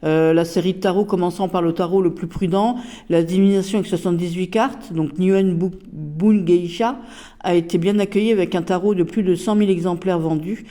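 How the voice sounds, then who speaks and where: A woman's voice: on the low side, fairly even intonation, brisk, mellow. A woman casually reviewing a tarot deck, chatty and hesitant with many fillers.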